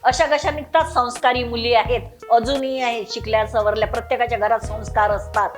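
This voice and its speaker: An actress playing a sharp-tongued middle-aged mother who scolds in a shrill voice. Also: steady tone, brisk, soft background music, close to an everyday voice. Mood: indignant. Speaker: mother of the groom. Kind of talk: web series acting.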